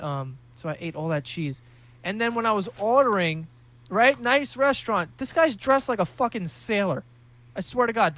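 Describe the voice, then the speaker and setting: A man's voice: sits high, a bit bright. A young man hosting a podcast, telling rambling, profane, jokey stories in a casual monologue. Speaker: podcast host.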